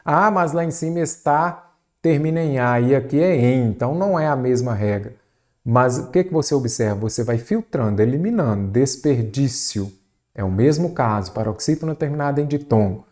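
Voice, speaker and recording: Recorded for an online video lesson, a man with a mid-range voice teaches Brazilian Portuguese spelling for an exam. He is lively, varies his pace, and fires many quick rhetorical questions at the viewer.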